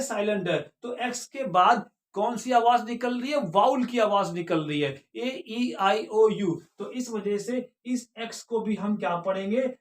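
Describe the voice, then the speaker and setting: Indian male teacher, high voice, echoey room; drills words with question-and-answer repeats. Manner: repeats each word slowly after asking the class questions. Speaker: English pronunciation teacher. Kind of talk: classroom-style video lesson.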